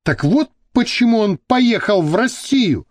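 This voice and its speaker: Guy doing a coquettish young model lady, high and swooping, slow. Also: expressive, no room sound. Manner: chirping, coquettish.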